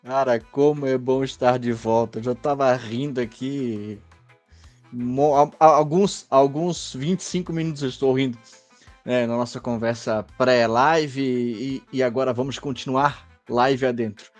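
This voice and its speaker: A man co-hosting a podcast in a casual chat, relaxed and teasing, with a Brazilian Portuguese accent. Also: medium pitch, measured pace, no room sound, soft background music. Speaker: podcast co-host.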